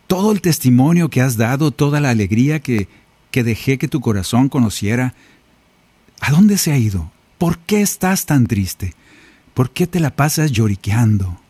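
A man voicing a gentle Jesus, who chides in slow, questioning words. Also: mid-range voice, expressive, husky, no room sound. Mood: gently scolding. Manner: scolding softly, slow questioning. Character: gentle male Jesus, chiding and tender. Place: home recording studio.

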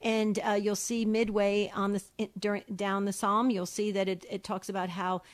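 A woman's voice: medium pitch, level tone, moderate pace. A woman co-hosting a call-in radio show, reading listener questions aloud and answering them in a chatty way with many fillers and restarts.

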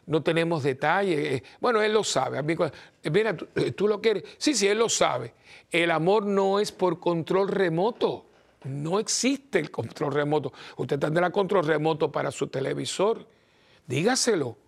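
An older man, a priest, preaching in a lively, chatty way and acting out the people in his stories. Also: fairly high pitch, normal speed, vocal fry. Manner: lively, animated, acts out voices in anecdotes. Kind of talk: conversational sermon with storytelling.

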